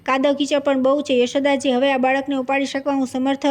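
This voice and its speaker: A woman's voice: sits high, monotone, a little fast, close to an everyday voice. A woman reading the lines of a young divine woman pleading humbly in a devotional story.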